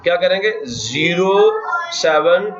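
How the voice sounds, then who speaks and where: A man's voice: fairly high pitch, expressive, slow pace, noisy background. A man teaching a math class, often asking the students questions and counting places aloud. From Pakistan. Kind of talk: classroom lecture. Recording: echoey classroom, dull lo-fi sound.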